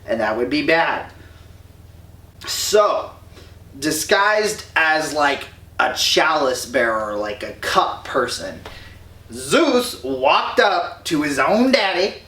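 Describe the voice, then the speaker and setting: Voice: mid-range voice, expressive, slow pace, bright, forceful tone, a little hiss or hum. A storyteller retelling a myth while drinking, rambling and slangy. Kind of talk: drunken comic myth retelling. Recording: roomy echo, distant mic.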